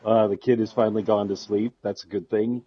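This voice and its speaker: A man's voice: on the low side, flat delivery, fairly quick. A man co-hosting a casual podcast, rambling and joking, often laughing. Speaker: podcast co-host. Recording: slightly dull lo-fi sound with faint noise.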